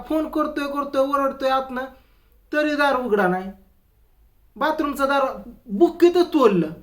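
A comedian talking to camera in a comic vlog, telling stories in an exasperated, grumbling way. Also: male voice, extremely high pitch, a bit bright.

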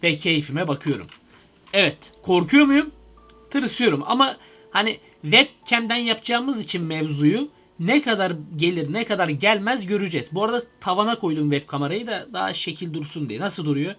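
A young man hosting a comedy video from his computer, talking animatedly into a headset mic and shouting in mock fright. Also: high-pitched, animated, fairly quick. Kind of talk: excitable comedic vlog. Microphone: headset microphone.

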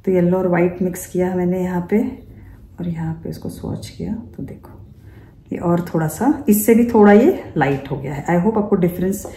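A woman's voice: lowish voice, a little fast, dark tone, slight background noise. A woman running a makeup class, who explains each step and often asks her students rhetorical questions. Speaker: makeup teacher. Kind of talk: instructional demonstration. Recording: echoey room.

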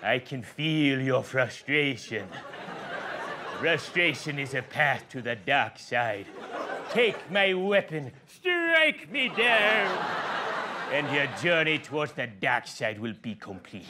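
A man doing a sketch comedy impression of a sinister old sorcerer emperor, with theatrical, drawn-out, goading villain delivery. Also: on the high side, very animated, noisy background. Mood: smug menace. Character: sinister old male dark sorcerer emperor, gleefully menacing.

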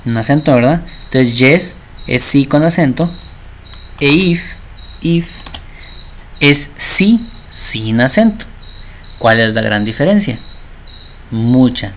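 A man's voice: mid-range voice, expressive, slow pace, long pauses, slight background noise. A man teaching a programming class, chatty and constantly checking that his students understand. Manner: acts out little dialogues. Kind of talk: programming lesson.

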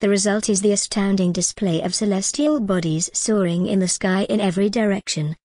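A woman's voice: mid-range voice, a little mellow, dry recording, studio quality. Wry woman delivering a scripted monologue. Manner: wry, jokey asides amid earnest persuasion. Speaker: video creator.

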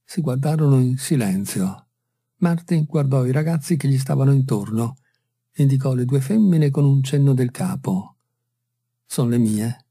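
A man reads a classic short story aloud, calm and unhurried. His voice is very dark and husky, at a middle pitch. The sound is dry and close to the mic. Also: dry recording. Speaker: audiobook reader. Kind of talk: literary narration.

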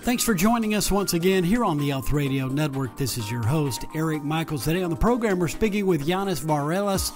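A man's voice: fairly high pitch, fairly quick, few pauses, music in the background. A man hosting a health radio show, reading scripted introductions and asking questions with friendly asides.

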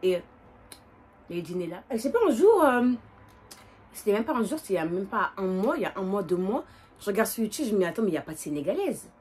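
A woman in her twenties with a northern French accent, chatting casually and quickly as a vlogger while doing her makeup, with lots of fillers and restarts. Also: mid-range voice, husky. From northern France. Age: 20s. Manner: fast, animated, many fillers and restarts.

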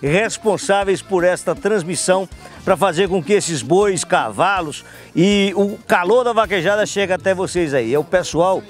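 A middle-aged man from TV, speaking in a Northeastern Brazilian accent. His voice sits high and he presents like a hyped rodeo announcer on a handheld mic outdoors, with light music underneath. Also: moderate pace. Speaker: TV show presenter and reporter. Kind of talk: on-location presenting and interviewing for a rodeo show. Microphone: handheld microphone. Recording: outdoor TV report with faint music bed.

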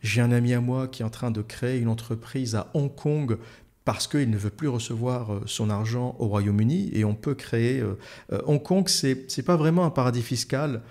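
Male commentator, mid-pitch, ranting solo with sarcasm, crude slang and lots of "euh" fillers. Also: normal speed, a little mellow. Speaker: online commentator.

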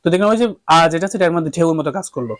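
A man's voice: fairly high pitch, very fast, no echo. A man teaching a singing lesson who explains each step, checks in with the class, and sings vowel exercises. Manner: explains step by step, often asks "okay?", then sings sustained vowel drills. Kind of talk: vocal lesson with harmonium.

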